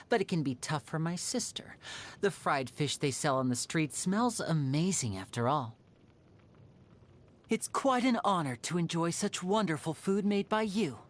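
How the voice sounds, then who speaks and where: Lively, playful young magician Lyney. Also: female voice, on the low side. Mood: musing. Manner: theatrical, teasing, smooth showman. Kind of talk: video game character voice lines.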